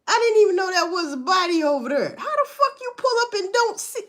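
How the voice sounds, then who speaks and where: A woman's voice: very high voice, big pitch swings, moderate pace, a bit bright. A woman giving casual, profane and sarcastic commentary, rambling along with sighs and laughs. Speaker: vlogger commenting on news.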